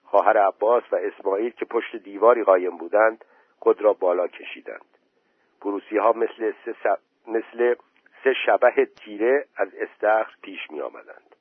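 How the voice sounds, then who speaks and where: A man narrating a story aloud in a steady, measured audiobook reading. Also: fairly low pitch, breathy edge, no echo. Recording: tinny phone-like recording.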